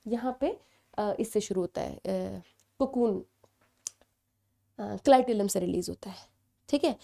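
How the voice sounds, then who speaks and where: A young woman delivers an exam-prep biology lecture in a fairly high, mellow voice. She explains step by step, poses questions to her students and checks in with them often. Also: gravelly. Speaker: biology teacher.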